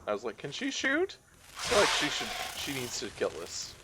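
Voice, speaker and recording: A man's voice: medium pitch, very animated, fairly quick, heavy background noise. A man giving casual gameplay commentary, muttering and thinking aloud as he plays. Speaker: video game streamer.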